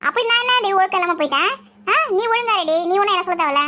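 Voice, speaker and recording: In a village family skit, this woman takes on the role of a sharp-tongued, nagging mother-in-law, firing off quick retorts as she scolds and taunts. She uses a full character voice, extremely high-pitched with lively intonation.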